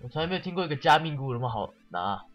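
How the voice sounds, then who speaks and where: A man's voice: a little high, sing-song, rapid-fire, muffled recording, soft background music. A man giving casual let's-play commentary, sarcastic and swearing often while mockingly reading the game's text aloud.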